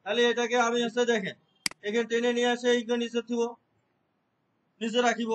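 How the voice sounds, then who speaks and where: A man's voice: very high-pitched, little pitch movement, brisk, slight background noise, low-quality recording. A man teaching a computer lesson, explaining step by step and checking his students' understanding with frequent short questions. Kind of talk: classroom lesson.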